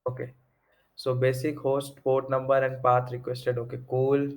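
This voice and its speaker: A young man with a North Indian accent giving an informal tech tutorial, haltingly thinking aloud as he works through the steps. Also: mid-range voice, monotone. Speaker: tutorial presenter. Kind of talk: informal screen-recorded tech walkthrough.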